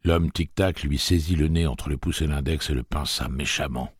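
A man narrating an audiobook with measured, expressive storytelling. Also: extremely low pitch, breathy edge, dry recording, studio quality.

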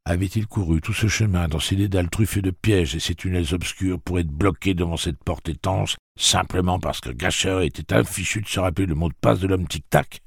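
Male audiobook narrator, extremely deep, husky, dry close recording. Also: fairly quick, few pauses, no room sound. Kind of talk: scripted narration.

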